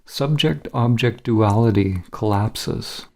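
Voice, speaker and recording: A man with a fairly low voice guides listeners through a scripted meditation, narrating in a measured, solemn and instructional way.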